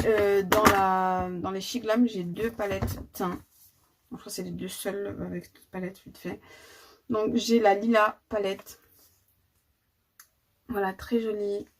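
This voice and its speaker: A chatty woman vlogging about her makeup, hesitating with fillers and repeating words as she goes. Her voice sits at a middle pitch, and steady background noise runs under the recording. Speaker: beauty vlogger. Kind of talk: casual vlog showing her makeup collection.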